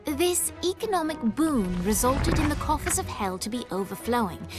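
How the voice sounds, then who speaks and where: A woman narrating a scripted video game intro in a wry, measured storytelling manner. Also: a little high, natural voice. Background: game music.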